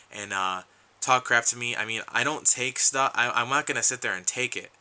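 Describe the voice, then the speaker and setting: Man, earnest rambling vlog talk, slightly worn voice, bright and crisp tone. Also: on the low side, rough recording. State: losing his voice, coughing. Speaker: YouTube collector vlogger. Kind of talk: casual talk to camera.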